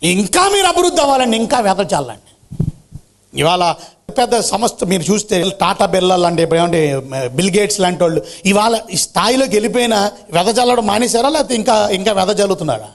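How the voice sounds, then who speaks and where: High-voiced animated male preacher. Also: fairly quick. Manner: animated preaching, mixes in English phrases. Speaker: pastor. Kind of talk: sermon. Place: air-conditioned church hall.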